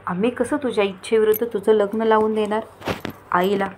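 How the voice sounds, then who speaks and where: A woman's voice: mid-range voice, steady tone, a little fast, noisy background, close to an everyday voice. A woman voicing a cheerful middle-aged aunt who teases her niece with amusement. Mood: teasing. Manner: teasing, amused.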